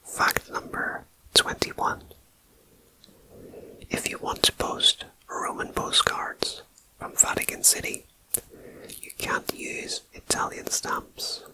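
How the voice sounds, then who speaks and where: A fully unvoiced whisper, slow and unhurried, moving between ears on a binaural microphone. This ASMR host reads numbered facts and drifts into relaxed, chatty asides. The delivery stays hushed and intimate throughout. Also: low-quality recording. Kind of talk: whispered ASMR fact reading. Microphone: binaural ear-to-ear microphone.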